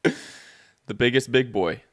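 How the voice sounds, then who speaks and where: A man trades quick, teasing banter in a casual chat and laughs often. His voice is of middling pitch. The sound is close and dry. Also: no room sound.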